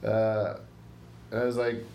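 A man's voice: lowish voice, level tone, measured pace, dark tone. A young man co-hosting a podcast, chatting casually in a rambling, hesitant way with lots of fillers. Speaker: podcast co-host. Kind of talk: casual chat. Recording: roomy room, faint hiss.

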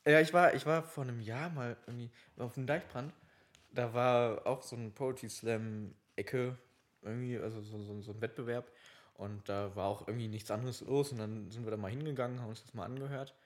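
A man's voice: mid-range voice, fairly even intonation, fairly quick. A young man co-hosting a podcast, chatting casually, rambling, restarting his sentences and laughing often. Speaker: podcast co-host. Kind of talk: casual banter.

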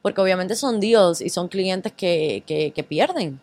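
A woman's voice: on the low side, measured pace. Cuban woman telling her story, Spanglish. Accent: Cuban Spanish. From Cuba. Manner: lively storyteller, mixes English words into Spanish. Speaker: guest. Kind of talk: casual interview chat.

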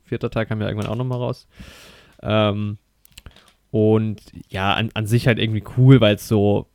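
Lockerer Mann mit trockenem Mikrofonklang. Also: male voice, lowish voice, fairly even intonation, normal speed, darkish tone, no echo. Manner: rambling, lots of fillers and self-corrections, enthusiastic slang. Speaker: podcast co-host reviewing a film. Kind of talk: casual film review chat.

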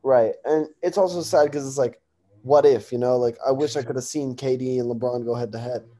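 A man's voice: medium pitch, steady tone, fairly quick, warm tone. A young American man co-hosting a sports talk, casually giving predictions on games.

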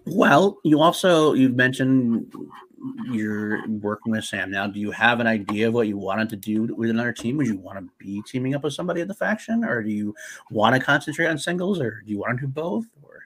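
A man's voice: medium pitch, expressive, a little fast, fairly bright tone, slight background noise. A man hosting a casual chat, asking rambling joking questions. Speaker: host.

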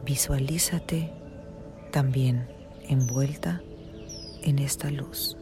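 Very slow, hushed sleep-story style meditation narrator. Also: mid-range voice, fairly even intonation. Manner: soothing, hushed, with long pauses. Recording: music behind the voice.

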